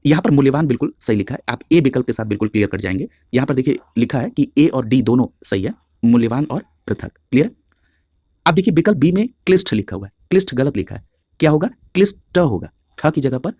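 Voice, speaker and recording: A man teaching an exam-prep spelling lesson at a quick clip, his voice dry and close with no room around it. He spells out each word slowly, piece by piece, then checks in with "clear?" before moving on. His pitch sits right in the middle for a man. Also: warm tone, dry recording. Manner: drills each answer, checks with a constant "clear?"; spells words out slowly letter by letter.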